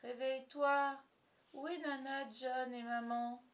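A woman's voice: on the high side, fast, slight background noise, pitched above the performer's own voice, close to an everyday voice. A woman reading a storybook aloud, voicing a sleepy little boy who whines and pleads. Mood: whiny. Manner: whiny, pleading.

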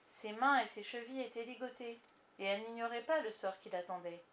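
A woman narrating a storybook in a measured, even reading voice. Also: fairly high pitch.

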